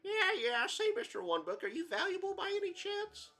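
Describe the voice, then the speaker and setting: A man voicing an excitable, bossy female bat sidekick from a video game in a shrill falsetto. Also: brisk, full character voice. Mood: brash.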